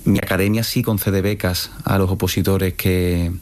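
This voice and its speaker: A man who trains exam candidates at an academy, explaining in a measured way on a panel. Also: deep voice, flat delivery, a little mellow. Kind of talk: panel discussion.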